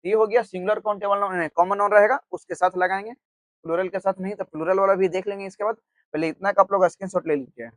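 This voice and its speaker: A man teaching an online grammar lesson who keeps asking his own questions and answering them, spelling words out slowly as he writes. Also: sits high, fairly even intonation, no echo. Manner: repeats "theek hai" often, asks and answers his own questions; spells words out slowly while writing on the board.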